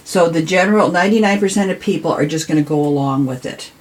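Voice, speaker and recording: Guesting on a podcast, this American city council member speaks earnestly and emphatically, repeating words to stress them in conversational talk. Her voice runs on the low side, fast and a little mellow, and the audio is poor.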